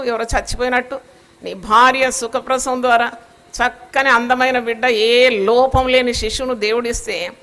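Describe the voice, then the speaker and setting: Woman pastor, preaching a sermon; high, bright, forceful and scolding.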